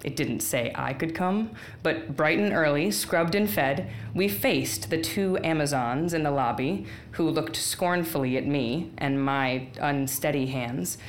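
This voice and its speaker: A woman telling a personal story aloud, with wry, unhurried delivery and deadpan asides. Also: deep voice, a little hiss or hum. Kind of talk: live storytelling performance.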